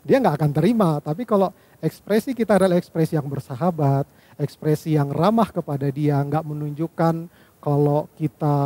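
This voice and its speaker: A man with a slightly raised, mellow voice delivers a devotional lesson to young listeners. He talks patiently, counting off numbered points and checking in with his audience as he goes. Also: fairly high pitch. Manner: patient, lays out numbered points, ends phrases with "ya" and "gitu ya".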